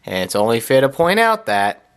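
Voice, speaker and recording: Sarcastic male reviewer, lively swinging delivery, comedic commentary. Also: medium pitch, moderate pace, smooth. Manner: sarcastic, wisecracking. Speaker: cartoon reviewer.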